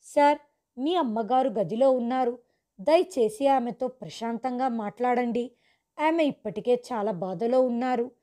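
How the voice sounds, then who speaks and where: A woman voicing a polite attendant who pleads with a young man to stay calm, as a storybook figure. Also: mid-range voice, unhurried, lightly acted. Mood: pleading. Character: polite attendant speaking to a son.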